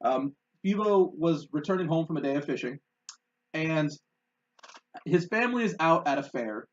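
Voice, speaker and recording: A man's voice: on the high side, lively intonation, normal speed, lo-fi sound. A man co-hosting a podcast, telling a story in a loose, rambling way with frequent laughs. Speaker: podcast co-host. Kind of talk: casual chat.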